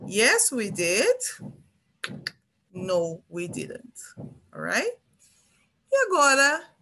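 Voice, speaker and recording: A woman's voice: a little high, a bit bright. A Brazilian woman teaching an English grammar lesson, patiently repeating example phrases and checking in with her students.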